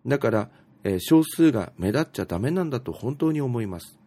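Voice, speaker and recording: A man's voice: mid-range voice, lively intonation, a little fast, warm tone. A man casually reading out posts and musing on them, with many fillers and asides. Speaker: radio host reading out tweets. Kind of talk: casual talk show reading.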